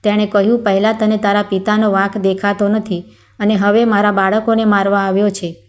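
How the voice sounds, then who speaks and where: A woman storyteller narrating a moral short story at a steady, even reading pace. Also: mid-range voice, fairly quick.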